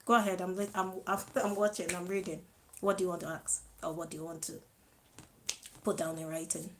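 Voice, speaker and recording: A woman hosting her own live video, chatting slowly to viewers, greeting them and laughing softly. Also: lowish voice, level tone, noisy background. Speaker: live-stream host. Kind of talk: casual live-stream chat to viewers.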